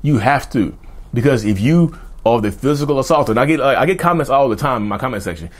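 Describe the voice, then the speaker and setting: Animated and quick, a man in his thirties with a medium-pitched voice talks directly to the camera for his mental health channel. Filmed in an indoor studio with a backdrop, his advice is emphatic and repetitive, and he calls viewers "y'all."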